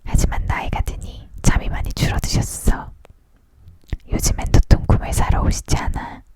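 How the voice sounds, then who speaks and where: A person leaning in to whisper a storybook aloud as a whispered ASMR reading, entirely unvoiced. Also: moderate pace. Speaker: audiobook reader.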